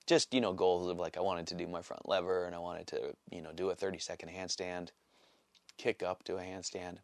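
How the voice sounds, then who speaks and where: A man in his late forties giving a casual, rambling vlog update, halting often with fillers and restarts. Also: sits low, level tone, gravelly, no echo. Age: 40s. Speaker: vlogger. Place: small cold workshop shack.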